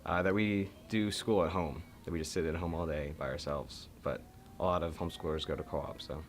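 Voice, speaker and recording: A man's voice: extremely low pitch, steady tone, fairly quick, slight background noise. An eighteen-year-old man, a graduating homeschool student, answering interview questions casually and with hesitant starts.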